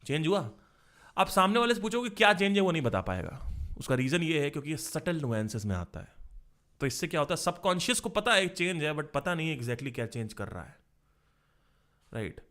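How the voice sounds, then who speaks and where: A male vocal coach talks through a singing lesson, explaining step by step and checking in with rhetorical questions. His voice sits high for a man and sounds bright and ringing. He speaks clearly and smoothly at an unhurried pace. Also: very animated. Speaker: singing teacher. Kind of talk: spoken vocal lesson with sung demonstrations.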